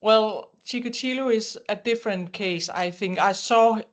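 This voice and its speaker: A woman talking casually about true crime, in halting English. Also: medium pitch. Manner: halting, non-native English phrasing.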